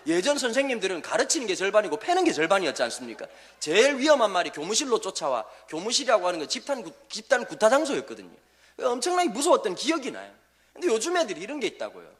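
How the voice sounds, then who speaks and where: A male pastor preaching to church teachers in a humorous sermon, telling stories full of jokes and quick questions to the congregation. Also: high-pitched. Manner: animated storytelling with jokes and quick asides to the congregation.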